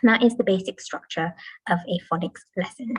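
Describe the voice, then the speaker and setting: A woman's voice: medium pitch, fairly quick, breathy edge, no room sound, rough recording. A woman teacher giving a talk to parents, explaining patiently and modelling classroom chants. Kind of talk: presentation to parents. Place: school, indoors.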